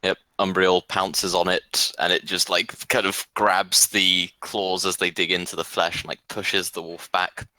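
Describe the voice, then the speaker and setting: A man running a tabletop game as game master, narrating combat in plain, measured description. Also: low voice, flat delivery, sharp tone, no room sound.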